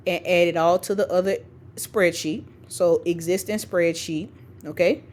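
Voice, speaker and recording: A woman teaching a screencast tutorial step by step, dictating formulas piece by piece and checking in informally as she goes. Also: lowish voice. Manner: informal, checks in often with "okay" and "right". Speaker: spreadsheet tutorial instructor for educators. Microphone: screen-recording voice-over.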